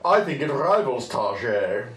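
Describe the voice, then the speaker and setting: Lively sweary man in echoey room. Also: medium pitch, unhurried, slight background noise. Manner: animated, sweary, breaks into silly voices. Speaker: podcast co-host. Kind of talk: casual film review chat.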